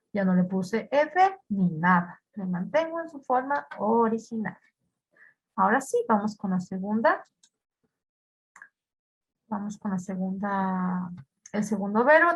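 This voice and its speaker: A woman's voice: mid-range voice, husky. A woman teaching an English grammar lesson, patiently repeating words and quizzing her students.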